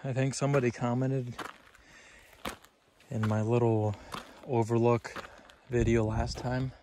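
Soft-spoken man narrating a trail walk. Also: mid-range voice, flat delivery, background noise. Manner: soft, rambling and unhurried. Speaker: ASMR host. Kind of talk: casual walking narration. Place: outdoors on a forest trail.

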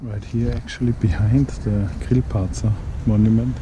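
A man guiding a walking tour, pointing out sights at a leisurely pace with frequent pauses. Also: on the low side, fairly even intonation. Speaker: city tour guide. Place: outdoors on city streets and squares. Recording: outdoor recording with traffic noise. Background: street ambience and passing traffic.

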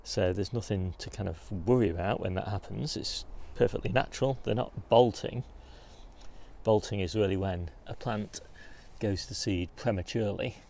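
A man's voice: lowish voice, moderate pace, creaky, a little hiss or hum. A man casually walking through his back garden, explaining his beds and plants as he films. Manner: relaxed, informative, pointing things out as he walks. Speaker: gardening channel host. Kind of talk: casual garden tour walkthrough. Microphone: handheld phone camera.

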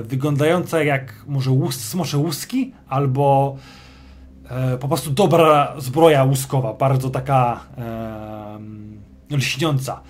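A man acting as game master, casually describing the scene to his players in the second person, loose and hesitant. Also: medium pitch. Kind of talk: casual narration of a tabletop role-playing game.

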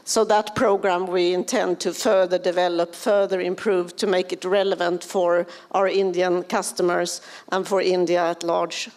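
Woman on a conference panel, talks slow and careful, handheld mic on a big stage. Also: on the low side, flat delivery, a little mellow. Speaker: panelist, company CEO. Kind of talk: panel discussion. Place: conference stage in a large hall. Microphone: handheld microphone.

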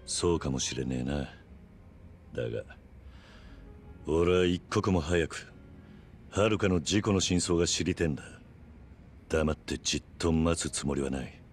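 Soft music plays behind a man voicing a hardened middle-aged yakuza veteran for a video game, stern and resolute. The rumbling low delivery is unhurried and full of pauses, each phrase clipped, grave, and blunt.

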